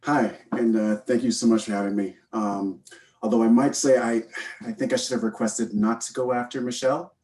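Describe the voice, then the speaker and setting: Here a mentorship program co-founder in his thirties speaks on a panel in a loose, unscripted way, stumbling and repeating words often. Born in Guyana and raised in Canada since he was eight, he has a Canadian accent and a medium-pitched, steady, slightly mellow voice at a normal pace, picked up by a distant mic.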